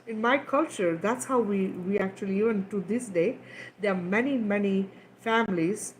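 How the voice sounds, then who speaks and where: Over poor audio with a little hiss or hum, a woman raised in Kenya runs a livestream healing session and talk, speaking at a normal pace in a medium-pitched voice. Her style is loose and repetitive, with frequent "right?" check-ins.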